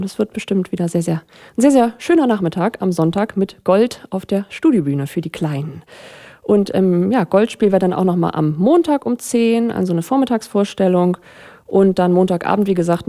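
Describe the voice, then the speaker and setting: A woman with a warm, mellow voice runs through weekend announcements as a presenter. She talks casually and hesitates often with fillers. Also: medium pitch, lively intonation, normal speed. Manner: chatty, hesitant, many fillers. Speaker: radio presenter.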